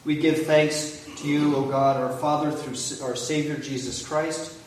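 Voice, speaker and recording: Heavy cathedral-like echo surrounds a male pastor reciting communion liturgy prayers in a large sanctuary, measured and solemn. His fairly high voice keeps a level tone, and the distant mic picks up an echoey hall sound with faint hiss.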